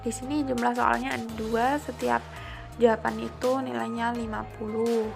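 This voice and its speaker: A woman's voice: fairly high pitch, flat delivery, moderate pace, gravelly. A woman from Indonesia explaining a lesson plan's grading rubrics, going item by item and often repeating phrases. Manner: walks through each item step by step, repeats phrases, restarts words. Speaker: student teacher explaining a lesson plan. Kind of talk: explaining assessment rubrics aloud. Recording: faint music in the background.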